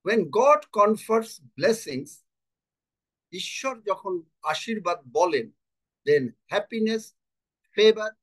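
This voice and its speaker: A man preaching a bilingual sermon, slow and emphatic, repeating key phrases and translating himself between languages. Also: sits high. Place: church service.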